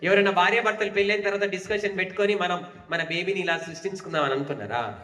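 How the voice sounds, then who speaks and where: Man, pastor preaching, rhetorical questions, high voice, bright tone, echoey church hall, distant mic. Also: quick pace. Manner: rhetorical questions, urging claps. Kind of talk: sermon.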